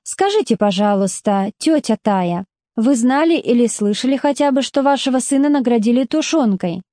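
A woman's voice: a little high, expressive, normal speed, warm tone, no room sound, clean studio sound, natural voice. A woman voicing a persistent male prosecutor who questions formally and insistently, in a storybook reading. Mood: probing. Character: persistent male prosecutor, polite but dogged.

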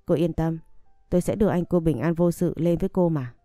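A brisk, authoritative businessman from an audio story, giving firm orders, voiced by a female narrator. His lines come low and dark, in a dry close recording. Faint music sits under him. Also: dry recording, natural voice. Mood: commanding.

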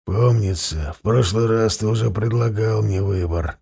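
A rasping, bitter blind singer chained in a dungeon, voiced by a man. His low, dark voice is husky and worn, and every line drips with sarcasm or defiance. He speaks slowly, as in an audiobook reading. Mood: bitter, hoarse. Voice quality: hoarse, rasping. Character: hoarse, bitter, enraged blind male singer prisoner. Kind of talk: audiobook character voice.

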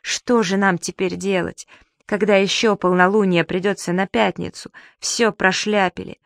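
Fussy indignant gentleman for a storybook audiobook, grumbling and easily put out, voiced by the narrator. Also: mid-range voice, steady tone, moderate pace, vocal fry, dry recording, studio quality. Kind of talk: audiobook reading.

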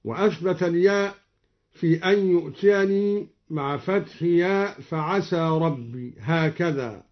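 A man reciting scripture in slow, melodic chant, with spoken notes explaining variant readings between passages. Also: on the high side. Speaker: Quran reciter. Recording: dull lo-fi old radio recording.

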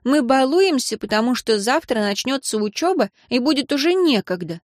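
A woman reading an audiobook and voicing a cheeky little girl who speaks high and childlike. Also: animated, normal speed, no room sound, clean studio sound. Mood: matter-of-fact.

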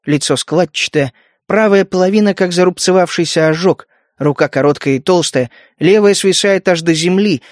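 Man, audiobook narrator, measured storytelling, somewhat high voice, dry close mic. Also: no echo. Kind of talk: scripted narration.

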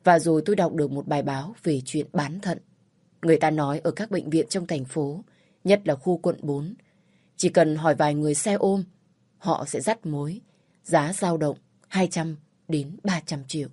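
A woman reading a first-person story aloud in a slow, sorrowful way. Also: deep voice, dark tone, breathy edge, dry recording. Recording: dry close voice over faint music.

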